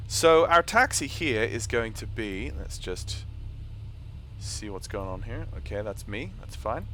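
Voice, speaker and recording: A man's voice: on the low side, animated, measured pace, bright, forceful tone, low-quality recording. A man giving casual live commentary as a flight sim streamer, thinking aloud hesitantly as he works through procedures. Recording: clear engine hum behind voice. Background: simulated propeller aircraft engine noise.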